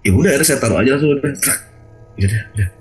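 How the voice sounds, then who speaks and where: A man hosting a video call, casually telling his own ghost story in an animated way, acting out sounds with big jumps in his voice. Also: medium pitch, rapid-fire, slight background noise, low-quality recording.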